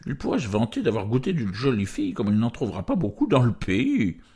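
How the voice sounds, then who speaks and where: A man's voice: mid-range voice, huge pitch swings, brisk, dark tone, slightly rough. A man voicing an older aristocratic count who talks in a coaxing, paternal, persuasive way. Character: older male count, smooth, condescending aristocrat.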